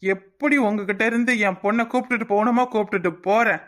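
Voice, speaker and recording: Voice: medium pitch, fairly even intonation, fast, a bit bright, lightly acted. A voice actor playing a rich, threatening old man in a cartoon, blustering and menacing, with a Kanyakumari Tamil accent. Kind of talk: cartoon voice acting.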